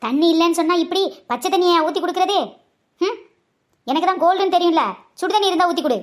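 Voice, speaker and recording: A woman's voice: fast talker, slight background noise. A woman voicing a fussy, complaining old grandmother customer in a comedy skit. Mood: indignant. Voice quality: high, thin old-lady voice. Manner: complaining, sharp-tongued.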